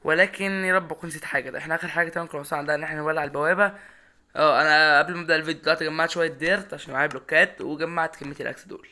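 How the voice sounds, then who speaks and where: A young man with an Egyptian Arabic accent commentating his own Minecraft run, excitable, talking straight to his viewers and repeating words in bursts. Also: on the high side, rapid-fire. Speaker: gaming YouTuber.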